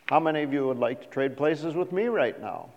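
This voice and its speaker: Animated male pastor preaching in a hall. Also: fairly high pitch, fairly quick, highs cut off. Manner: animated, acts out quoted voices, asks the congregation questions. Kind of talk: sermon. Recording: reverberant hall.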